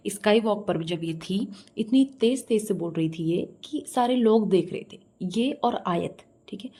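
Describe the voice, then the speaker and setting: A woman's voice: medium pitch, warm tone. A woman giving scornful, scolding reaction commentary and putting questions to her viewers. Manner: asks the viewers directly. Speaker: reaction vlogger.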